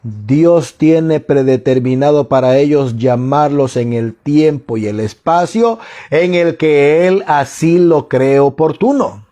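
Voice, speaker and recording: A man preaching a sermon in a slow, emphatic way, often asking rhetorical questions and answering them himself. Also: on the high side, mellow.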